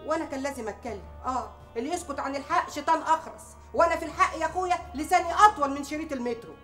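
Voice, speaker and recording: A brash, sharp-tongued maid with an Egyptian accent, rattling off proverbs and jabs at breakneck speed. Her voice sits a little high, and music plays under the scene. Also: rapid-fire. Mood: preachy, defiant. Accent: Egyptian Arabic. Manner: proverb-heavy, mocking, loud when riled. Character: bold sharp-tongued working-class maid, proverb-spouting. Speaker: maid confronting a rich wife.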